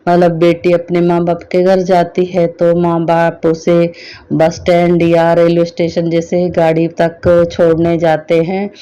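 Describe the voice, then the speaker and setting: A middle-aged woman sharing a devotional personal testimony in an earnest, halting storytelling manner. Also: fairly low pitch, warm tone, lo-fi sound.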